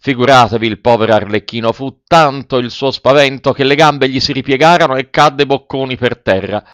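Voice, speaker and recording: A man's voice: mid-range voice, fairly quick, a bit bright, dry recording. Man reading a storybook in a dry voice. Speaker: audiobook reader. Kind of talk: scripted storybook narration.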